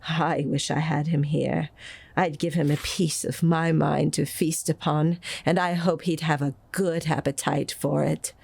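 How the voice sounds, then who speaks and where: A woman voicing an indignant, sharp-tongued wife and mother in a storybook, scornful and exclamatory. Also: low voice, level tone, a little slow, vocal fry, breathy edge, dry recording, heavily acted.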